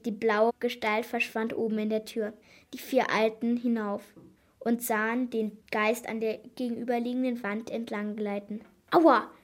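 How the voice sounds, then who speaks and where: A woman narrating a children's mystery audiobook in a steady, expressive storytelling voice. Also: on the high side.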